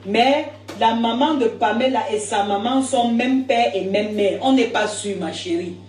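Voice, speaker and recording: A woman's voice: fairly high pitch, measured pace, darkish tone, reverberant, recorded from a distance. A woman giving indignant, rambling live commentary, repeating words as she argues.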